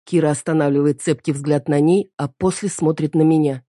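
A woman narrating an audiobook in a steady, even reading. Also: low-pitched, brisk, no echo, studio quality.

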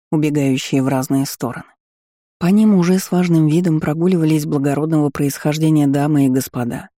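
A man narrating an audiobook in a calm, even reading voice. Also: on the high side, no echo, clean studio sound. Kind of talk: scripted narration.

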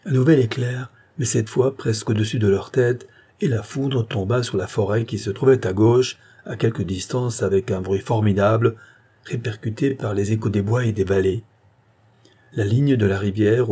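A man narrating a classic novel in a measured, literary reading style. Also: lowish voice, warm tone, husky. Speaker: audiobook narrator. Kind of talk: scripted narration.

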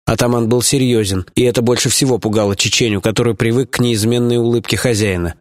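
A male audiobook narrator with a mid-pitched voice. He reads the story at a steady, even pace. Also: fast. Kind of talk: scripted narration.

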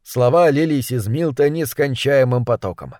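A man narrating a short story in a measured, even storytelling manner. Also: mid-range voice, dry recording, studio quality. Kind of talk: audiobook story reading.

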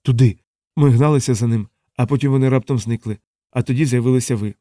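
A man's voice: medium pitch, steady tone, quick pace, mellow, no room sound, clean studio sound, close to an everyday voice. A man voicing a frightened, sullen male hunter with a whining, raised voice. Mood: shaken.

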